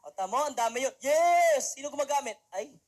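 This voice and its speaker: A young man, a mentor and motivational speaker, gives an animated talk to a live audience from a stage. He acts out quotes as he tells stories and keeps asking the crowd "di ba?". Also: very high-pitched, fairly quick. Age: young adult. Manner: animated storytelling, acting out quotes; peppers lines with rhetorical "di ba?".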